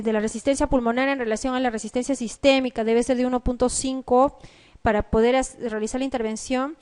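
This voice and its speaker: A woman's voice: fairly high pitch, a little mellow, clear, resonant tone. A woman with a Peruvian Spanish accent giving an exam review lecture, explaining step by step and asking rhetorical questions. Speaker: medical lecturer.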